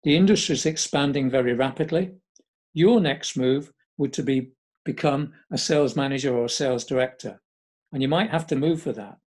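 A man voicing his former boss, a calm, authoritative radio station manager who speaks gently but firmly. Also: medium pitch, moderate pace, slightly rough, close to an everyday voice.

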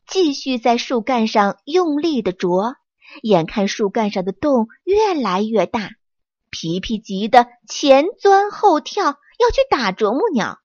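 A woman narrates a children's bedtime story in a soft, soothing, unhurried voice. Her pitch sits high and moves a lot. The recording is dry and slightly lo-fi. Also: no echo.

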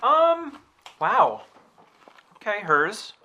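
A man's voice: extremely high pitch, sing-song, extremely slow, vocal fry, pushed and bright. A man hosting a casual snack review chat, speaking in a hesitant, hedging way.

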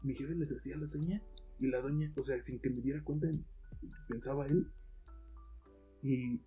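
A man's voice: mid-range voice, fairly even intonation, normal speed, mellow, soft background music, low-quality recording. Laid-back Mexican man telling a story. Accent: Mexican Spanish. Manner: slangy storytelling, acts out quoted voices. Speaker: podcast co-host telling a story. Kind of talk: casual chat.

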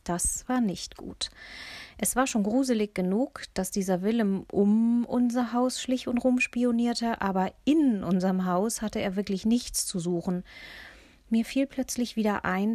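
A woman reading a first-person audiobook in a measured, tense storytelling manner. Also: medium pitch, a little mellow, no room sound. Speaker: audiobook narrator. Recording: dry close-miked studio.

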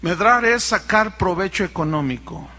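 A man with a Mexican Spanish accent preaching a sermon as pastor, animated and mocking as he mimics other people. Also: high-pitched, moderate pace.

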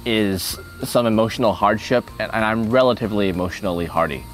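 A man's voice: lowish voice, brisk, over music. A young man in casual chat, answering would-you-rather questions, playful and thinking aloud with frequent laughs.

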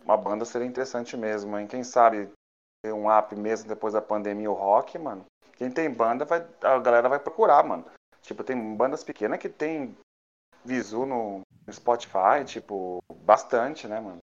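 Casual male talker, São Paulo Brazilian Portuguese accent, mid-pitched, enthusiastic and slangy, on slightly dull lo-fi audio. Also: moderate pace. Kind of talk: casual chat.

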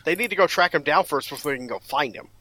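A man with a higher voice, chatty and quick to jump in during a casual group call. His sound is dry and close. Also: bright, forceful tone, no echo. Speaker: podcast co-host. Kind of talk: casual chat.

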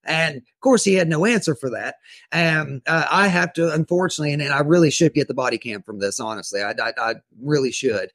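A man's voice: on the high side, no room sound. A man telling an interviewer about a tense police encounter, retelling it animatedly and often restarting his words. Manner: animated retelling, acts out his own quoted lines; halting restarts, repeated words. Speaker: guest telling his self-defense story. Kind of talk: podcast interview, first-person storytelling.

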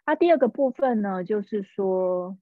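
A woman from Taiwan hosting a podcast lesson, chatting casually and slowly repeating English words to demonstrate pronunciation. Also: medium pitch, lively intonation, dry recording. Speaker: podcast host and English teacher. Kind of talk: casual teaching talk. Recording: tinny phone-like sound.

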